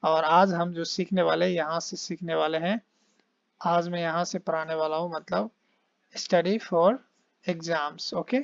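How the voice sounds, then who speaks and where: A man teaching English in Hindi, explaining phrases and slowly modeling their intonation. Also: fairly high pitch, fairly even intonation, vocal fry, dry recording, highs cut off. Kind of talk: casual spoken English lesson in Hindi.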